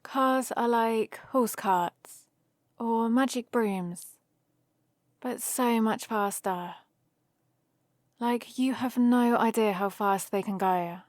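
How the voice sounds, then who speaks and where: A woman voices a playful, friendly human heroine in an ASMR roleplay, teasing the listener and rambling patiently as she explains things in a casual, one-sided conversation. Her voice is fairly high, and she takes it slowly with long pauses. The audio is studio quality with no echo.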